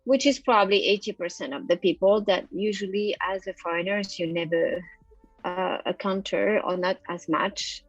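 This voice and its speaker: A middle-aged woman with a French accent talks in a relaxed interview, often pausing on fillers while she gathers her thoughts. Her voice sits at an ordinary pitch, recorded dry and a little dull, with faint music underneath. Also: no room sound. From France. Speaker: photographer guest. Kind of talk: casual interview over a call.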